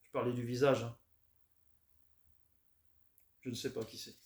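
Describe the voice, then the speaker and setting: A man chatting casually as he shows off his record finds, relaxed and hesitant with many fillers. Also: mid-range voice, measured pace. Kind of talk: casual unboxing chat. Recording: roomy echo, faint noise.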